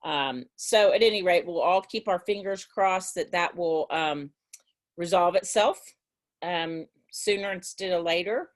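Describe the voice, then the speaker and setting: A woman's voice: lowish voice, measured pace. A woman teacher talking to her class over a video call in a casual, rambling way, with many restarts. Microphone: video call mic.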